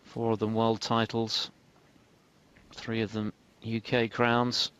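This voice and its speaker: A man giving measured, hushed television snooker commentary, dropping in statistics. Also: fairly low pitch, monotone, clear, resonant tone, dull audio. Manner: measured, statistic-laden delivery. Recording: crowd and hall ambience behind. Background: snooker audience ambience.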